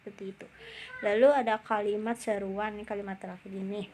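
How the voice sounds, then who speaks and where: A woman's voice: mid-range voice, level tone, a little mellow, a little hiss or hum. Young woman reading a class presentation. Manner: careful, measured reading with occasional fillers. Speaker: student presenter.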